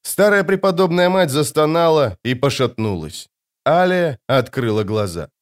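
A man narrates a novel in a measured, even tone. His reading is steady and unhurried. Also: on the high side, clear, resonant tone. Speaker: audiobook reader. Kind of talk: scripted narration.

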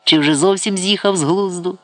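A drunken, arrogant grand vizier, put on by a male narrator, his voice pushed high and loud. He sneers and boasts in a brash, mocking way. This is an audiobook figure. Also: sing-song, moderate pace, dry recording. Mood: scornful. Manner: mocking, brash, then pleading.

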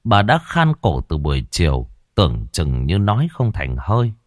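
A man's voice: sits low, wildly swooping pitch, moderate pace, no echo, clean studio sound. Solemn, dramatic male storyteller. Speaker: narrator. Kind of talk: scripted audiobook narration. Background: soft background music.

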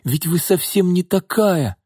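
A man voicing a calm, firm young woman who stands her ground coolly. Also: sits high, measured pace, husky, dry recording, clean studio sound, pitched above the performer's own voice, exaggerated voice. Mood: stern. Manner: cool, stern, composed.

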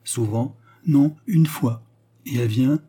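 Man reading eager young woman, pushy questions, low dark voice, husky. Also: takes it slowly. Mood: pressing. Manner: pressing, breathless questions.

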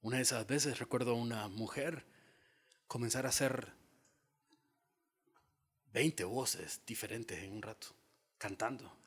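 A male pastor preaching a sermon in a dramatic style, dropping to a hush and then rising to shouts. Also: mid-range voice, a little slow, long pauses, slightly rough. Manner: dramatic, acts out quoted voices, swings from hushed to shouted.

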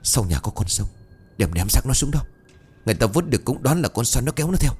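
A man voicing a ruthless older brother who gives hurried, urgent commands. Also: medium pitch, sing-song, darkish tone, breathy edge, pitched above the performer's own voice.

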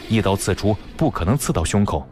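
Man playing a calm clever official, measured, low voice. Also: faint music behind, natural voice.

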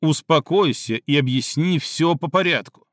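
A man voicing a sleepy, irritable man in an audiobook reading, slightly hoarse and sarcastic, sometimes barking. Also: on the high side, normal speed, no echo, studio quality, natural voice.

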